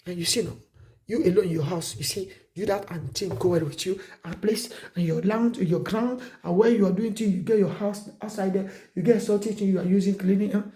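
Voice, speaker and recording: A man preaching an exhortation sermon, emphatic and repetitive, with sudden high outbursts. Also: steady tone, normal speed, warm tone, echoey room.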